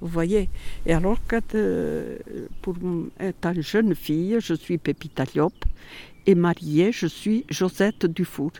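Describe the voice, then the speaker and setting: A woman's voice: fairly low pitch, slow pace, gravelly, warm tone. An older woman from Catalonia with a Catalan accent, recalling her past in a chatty, hesitant way with many fillers. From Catalonia, Spain. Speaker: interviewee. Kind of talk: casual recollection.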